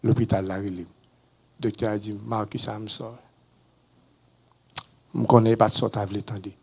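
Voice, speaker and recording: A man with a Haitian accent, a pastor giving a testimony in a sermon, swinging between low murmurs and sudden high shouts. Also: fairly even intonation, moderate pace, vocal fry, husky.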